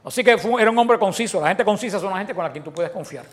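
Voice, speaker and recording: Higher-voiced man preaching a sermon. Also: lively intonation, quick pace. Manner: asks the audience questions and answers them himself; restarts phrases often, with big swings in loudness.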